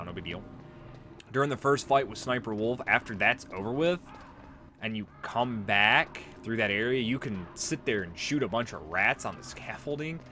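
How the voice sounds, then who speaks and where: A let's player gives casual, offhand and sweary commentary while playing through a video game. His voice is on the low side, with a little hiss or hum and loud game music in the background.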